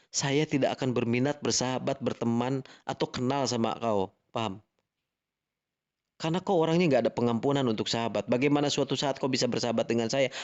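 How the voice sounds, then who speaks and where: In a live-stream voice chat, an Indonesian-accented man argues hotly, lecturing and circling back to the same points with a repeated "gitu loh." His mid-range voice comes through with the highs cut off, and he sounds angry.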